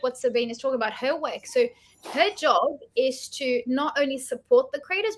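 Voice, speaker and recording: High-voiced enthusiastic woman host. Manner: enthusiastic, gushing. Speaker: webinar host. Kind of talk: hosting an online masterclass.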